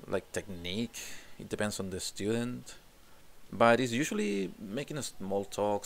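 This is a forties-aged Chilean man, an English teacher applying for a job, self-recording interview answers into a desk condenser mic that appears in frame. His voice sits on the low side and his English has a Chilean Spanish accent. Guitars line the wall of his home room, and he often repeats words as he searches for them.

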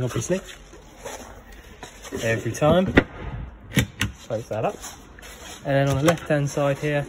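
A mid-pitched man acting as a camper van handover guide films a casual walkthrough one-handed on his phone, moving in and around a van parked at a workshop. He's relaxed, explains things plainly and says "um" a lot, with steady noise in the background.

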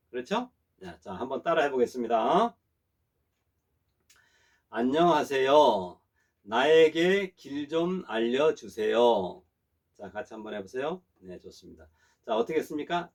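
A middle-aged man teaching a language class, explaining polite phrases, checking often that students follow and saying example sentences slowly for them to repeat. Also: mid-range voice, slightly rough. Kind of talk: classroom lesson.

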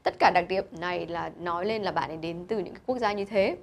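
A woman's voice: lowish voice, quick pace, creaky. A woman teacher, explaining vocabulary to pupils and patiently repeating each word's pronunciation. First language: Vietnamese. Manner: patient, repeats and spells out pronunciation, mixing English words into explanations. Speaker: English teacher.

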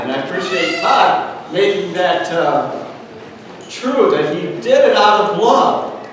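A man preaching a sermon in a church, speaking earnestly with frequent pauses and fillers. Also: high-pitched, a bit bright. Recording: echoey church hall, mic at a distance, faint room noise.

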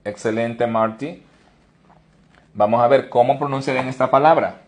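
A man's voice: medium pitch, moderate pace. A man teaching English pronunciation in an online lesson, explaining each rule step by step and praising viewers by name.

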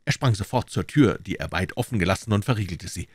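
A man reading a classic story aloud in a measured, low-register narration. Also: animated, slightly rough, dry recording, clean studio sound. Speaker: audiobook reader. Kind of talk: audiobook narration.

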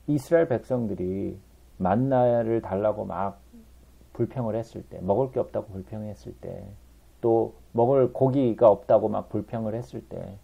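A man's voice: lowish voice, gravelly. A man giving a conversational Bible teaching, emphatic and constantly checking in with his listeners, on a dull lo-fi recording.

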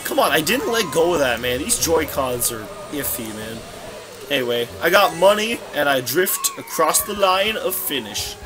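A man's voice: fairly high pitch, very animated, moderate pace. Rambling young man narrating his gameplay. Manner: rambling, scatterbrained, self-correcting. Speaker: let's play commentator. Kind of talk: casual gameplay commentary. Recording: game music playing behind.

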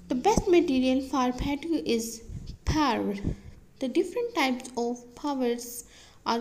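A woman's voice: sits high, darkish tone, low-quality recording. Woman reading a garden explainer. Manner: reads questions and answers like a list, with some slips and restarts. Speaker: narrator. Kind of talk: read-aloud explainer narration.

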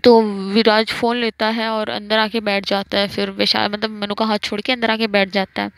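A woman's voice: mid-range voice, level tone, moderate pace, fairly bright tone, clean tone, no room sound. A woman casually telling a love story aloud, acting out the dialogue lightly and often correcting herself mid-sentence. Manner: retells dialogue loosely, often corrects names with "matlab".

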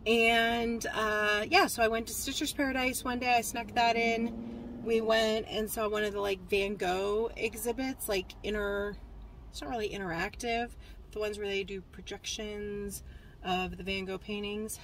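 A woman's voice: mid-range voice, steady tone, unhurried, a bit bright, slight background noise, rough recording. A woman in her forties chatting casually to a phone camera from a parked car, rambling with lots of fillers and restarts. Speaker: cross-stitch vlogger. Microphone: phone camera at arm's length.

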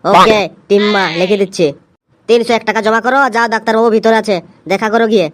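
A woman's voice: a little high, steady tone, quick pace, lightly acted. A woman voicing an impatient clinic compounder in a cartoon, bossy and snappy. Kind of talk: cartoon voice acting.

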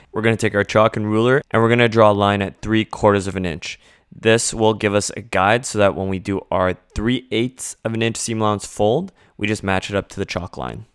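A man in his thirties walks through a sewing project one step at a time, casual and steady. His voice sits a little low and sounds smooth and clear. It is recorded dry and close on a studio mic at his desk. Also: dry recording. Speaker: sewing tutorial host. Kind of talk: instructional voice-over. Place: home sewing studio, indoors. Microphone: studio mic on desk stand.

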